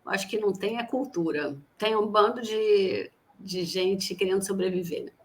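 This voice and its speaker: A woman's voice: medium pitch, moderate pace. A woman co-hosting a live talk, making reflective comments full of metaphors. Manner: reflective, quotes songs and metaphors. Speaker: co-host.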